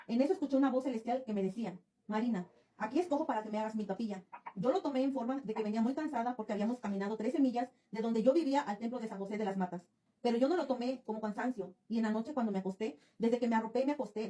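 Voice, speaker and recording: A woman's voice: fairly high pitch, dark tone. A woman from the Dominican Republic with a Dominican accent, earnestly and devoutly telling her own spiritual experience in first person. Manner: earnest, devout, rushing recollection. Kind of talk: first-person testimony storytelling.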